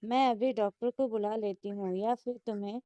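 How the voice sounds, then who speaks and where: A woman's voice: medium pitch, steady tone, moderate pace, mellow, dry recording, lo-fi sound, natural voice. Woman voicing an affectionate fussing mother. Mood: motherly. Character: affectionate middle-aged mother, warm and fussing.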